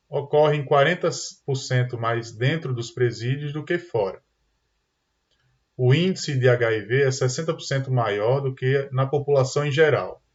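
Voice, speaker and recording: A Brazilian man teaches grammar over a computer mic, walking through each answer patiently and checking understanding as he goes. His voice sits at a medium pitch. The sound is dull and lo-fi. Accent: Brazilian Portuguese. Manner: explanatory, tag questions "tá?" and "né?". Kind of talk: online exam-prep lesson.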